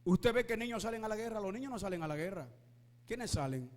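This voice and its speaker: A male pastor preaching with fervor, shouting at his peaks and asking his listeners rhetorical questions. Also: sits high, expressive, fast talker, in a large hall. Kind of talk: preaching sermon.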